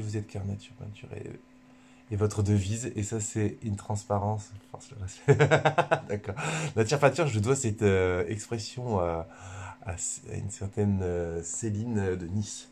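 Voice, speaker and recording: Joking low-voiced friar talking livestream. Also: male voice, creaky, a little hiss or hum. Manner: joking, animated, bursts of laughter between points; loose, colloquial, stumbles over words. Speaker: friar giving a spiritual talk. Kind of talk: casual livestream teaching.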